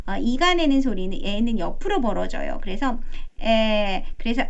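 Woman teacher, phonics lesson, slow repeated letter sounds, fairly high voice, dull lo-fi recording. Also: expressive, gravelly. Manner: demonstrates letter sounds slowly, repeating them. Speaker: English teacher.

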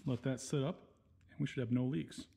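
A man's voice: mid-range voice, fairly even intonation, brisk, vocal fry, mellow, a little hiss or hum. A man hosting a casual workshop video, talking in a folksy, laid-back, self-deprecating way while he works. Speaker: channel host.

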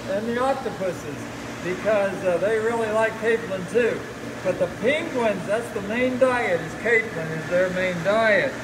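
A middle-aged man with a high voice talks through a face mask over the loud hum of a pump-filled work room. He explains things casually, in a folksy way, as an aquarium guide to his viewers. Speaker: aquarium animal keeper and guide. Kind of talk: casual educational live talk.

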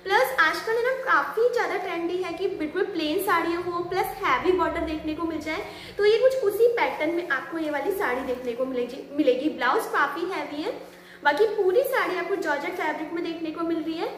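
A woman's voice: very high-pitched, a little fast, fairly bright tone, reverberant. A young woman in her twenties giving a chatty fashion review, casually mixing English words into her Hindi, filmed indoors at medium distance. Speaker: fashion vlogger reviewing sarees. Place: small indoor room.

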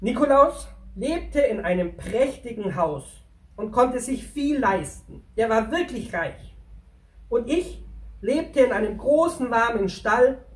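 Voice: medium pitch, animated, slow, far from the mic. A performer voicing a friendly male pack donkey who chattily tells a story to children and speaks to them directly. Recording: roomy, from away from the mic.

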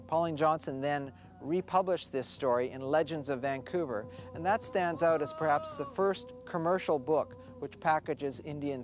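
A man presenting a documentary in a measured, informative way, with soft music beneath. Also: on the high side. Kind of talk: scripted documentary narration.

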